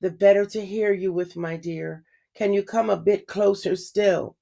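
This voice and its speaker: A smooth-talking storybook wolf, polite on the surface and hungry underneath, as a woman reads him aloud. The voice is silky and sly, dropping into a soft, sinister purr. Mid-pitched, with an even, friendly tone. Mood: sweetly menacing. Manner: silky, falsely polite, slowing to a menacing hush. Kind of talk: children's storybook read-aloud.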